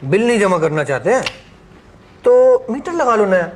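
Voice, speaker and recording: A man's voice: very animated, normal speed. A man playing a blunt, matter-of-fact office clerk in a comedy sketch. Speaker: office colleague Pandey. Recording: noisy low-budget sketch audio.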